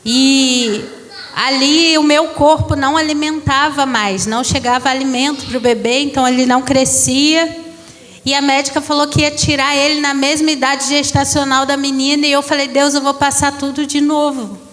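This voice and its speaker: Woman in her thirties, high voice, church testimony, emotional storytelling, long hall reverb. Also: fairly even intonation, moderate pace, a bit bright. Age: 30s. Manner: emotional storytelling, addressing the congregation as brothers. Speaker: pastor and singer giving testimony.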